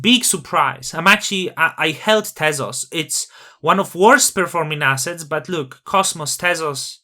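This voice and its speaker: A man's voice: a little high, bright, forceful tone. A man with a noticeable non-native accent hosting a crypto channel, talking in a grandiose, self-aggrandizing persona full of rhetorical questions. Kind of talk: casual opinion monologue on screen.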